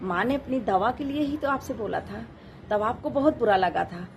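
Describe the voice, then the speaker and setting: Woman playing sharp-tongued daughter-in-law; raised, high, arguing. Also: lively intonation, normal speed, a little hiss or hum. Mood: lecturing.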